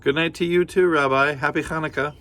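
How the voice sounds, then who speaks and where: A man's voice: a little high, fairly even intonation, a little fast, voice pushed up, lightly acted. A man putting on a doting old grandmother. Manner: doting, gently scolding. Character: kindly old grandmother, warm and fussing.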